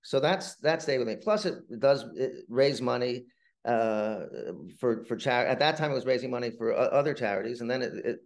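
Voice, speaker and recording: Medium in pitch, this middle-aged man is a playwright being interviewed who shares stories conversationally, stumbling and rambling while frequently repeating words.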